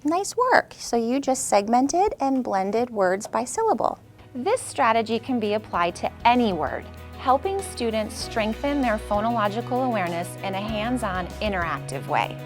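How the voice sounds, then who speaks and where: A woman host and teacher who explains a reading skill clearly, then coaches a child with patient, upbeat praise. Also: a little high, expressive, moderate pace, soft background music. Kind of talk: scripted teaching intro and one-on-one demonstration.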